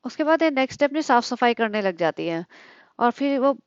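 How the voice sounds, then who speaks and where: Sarcastic, scolding woman vlogger, high voice. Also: very animated, moderate pace, smooth, no room sound, highs cut off. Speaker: gossip commentary vlogger. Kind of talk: critical commentary on other vloggers.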